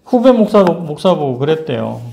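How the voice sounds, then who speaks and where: A male pastor preaching a sermon, telling a story in a lively, playful way. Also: a little high, normal speed, gravelly.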